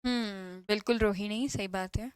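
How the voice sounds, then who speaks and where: A woman teaching an online class, explaining in Hindi, reading English questions slowly and answering students' chat questions by name. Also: medium pitch, steady tone, clear, resonant tone, dry recording. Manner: mixes Hindi explanation with slow English read-aloud questions.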